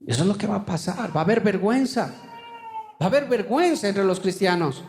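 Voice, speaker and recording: A man preaching a sermon as pastor, fervently addressing the congregation as brothers, climbing high for emphasis and dropping low and slow for solemn points. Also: lively intonation, a little hiss or hum. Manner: fervent preaching, often calling listeners "hermano". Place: church. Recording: long reverb of a church hall.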